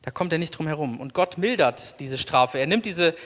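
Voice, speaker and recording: A man preaching a sermon as pastor, earnest, slowing down to stress key words. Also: on the high side, expressive, fairly bright tone. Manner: earnest, slows down for emphasis. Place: church. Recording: long church reverb.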